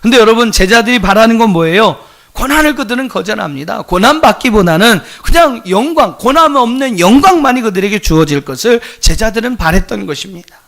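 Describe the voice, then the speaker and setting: A man's voice: sits high, expressive, a little fast, gravelly, fairly bright tone. A male pastor preaching a sermon, addressing the congregation directly with emphatic rhetorical questions and light jokes. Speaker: senior pastor.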